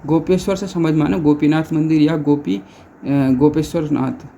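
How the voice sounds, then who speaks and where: A man's voice: on the high side, fairly even intonation, normal speed, vocal fry, warm tone, a little hiss or hum. A male exam-prep teacher who runs through facts by asking questions and answering them himself, over and over. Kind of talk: exam-prep lesson with repetition and rhetorical questions.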